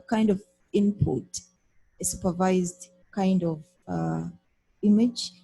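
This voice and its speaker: Woman, audience questioner, low mellow voice, gravelly and husky, probing. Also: low-quality recording. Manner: curious, probing. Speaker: audience member asking a question. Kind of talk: Q&A question at a conference.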